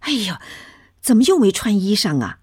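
A woman putting on a shrill indignant young mother. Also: wildly swooping pitch, a little slow, breathy edge, exaggerated voice. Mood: fussing. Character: indignant city mother, sharp and quick-tempered.

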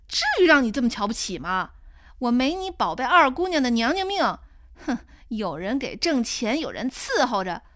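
A woman's voice: high voice, fairly bright tone, dry recording, clean studio sound, full character voice. A woman doing an indignant, aggrieved daughter. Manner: indignant, complaining, quick. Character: aggrieved young woman, defensive daughter, bitter. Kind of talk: audiobook character reading.

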